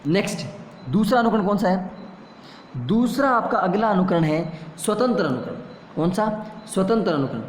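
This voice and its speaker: A man's voice: high voice, animated, moderate pace, slight background noise. A man teaching a classroom lesson, asking questions and answering them himself, heard in an echoey room a long reverb. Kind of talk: classroom lecture.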